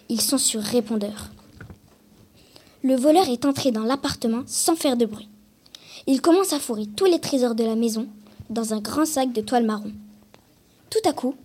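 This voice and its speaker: High, husky woman reading a storybook. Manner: expressive, lively read-aloud. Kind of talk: reading a children's book aloud.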